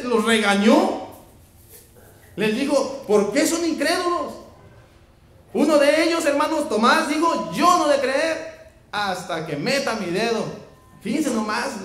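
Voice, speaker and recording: High-voiced preacher in an echoey church. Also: male voice. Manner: conversational, addresses congregation as brothers. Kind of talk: sermon.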